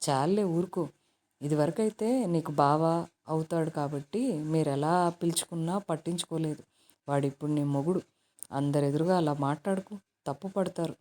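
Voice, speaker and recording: A woman's voice: low-pitched, normal speed, dark tone, close to an everyday voice. A woman voicing a headstrong, pampered young woman who has just become a mother, speaking in a sulky, wheedling way. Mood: pouting.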